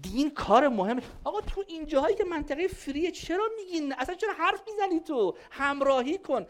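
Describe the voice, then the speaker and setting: A woman's voice: sits high, lively intonation. Emphatic woman giving a religious lecture. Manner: emphatic, conversational, acting out quoted voices. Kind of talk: religious lecture on family and parenting, taking audience questions.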